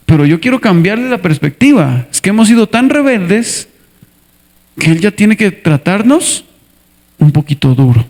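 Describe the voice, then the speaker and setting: A man preaching a sermon as a pastor, animated, acting out little scenes and asking the congregation to answer back. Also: high voice, normal speed. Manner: animated, asks the congregation for responses; acts out scenes with character voices. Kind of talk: lively sermon with acted skits.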